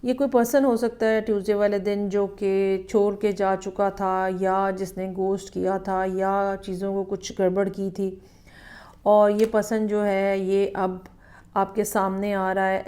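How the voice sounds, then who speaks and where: Calm, flat-voiced tarot reader woman. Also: medium pitch. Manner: measured, explanatory, checks in with "ठीक है". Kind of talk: weekly tarot horoscope reading.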